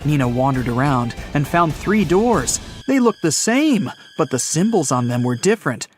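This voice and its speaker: Male narrator for riddle stories, slightly high voice, very animated delivery. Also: normal speed, faint music behind.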